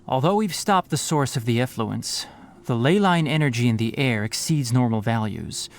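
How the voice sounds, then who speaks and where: A man voicing a brisk, responsible young forest ranger in a fantasy video game, speaking in an articulate, matter-of-fact, instructive way. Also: medium pitch, expressive, slight background noise, lightly acted. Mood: firm, concerned.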